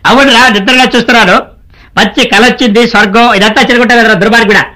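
A man's voice: very high-pitched, steady tone, rapid-fire, sharp tone. A man playing a drowsy, boastful bus passenger who grumbles and rambles through a story. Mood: grumbling. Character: drowsy, boastful male passenger telling his dream.

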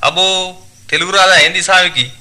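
A man voicing a quarrelsome village tailor, loud and indignant, with a Telangana Telugu accent. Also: high voice, fairly even intonation, moderate pace, voice pushed up.

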